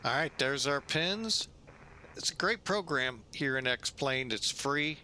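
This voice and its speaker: A man gives casual flight simulator commentary in a bright, lively voice. He takes his time, with a faint rumble behind him. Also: takes it slowly.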